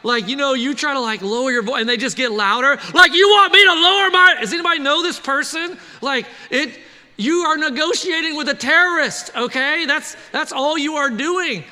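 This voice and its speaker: A man preaching a sermon to a congregation, animated and conversational, often asking the crowd questions. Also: very high voice, moderate pace, big-room sound. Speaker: pastor.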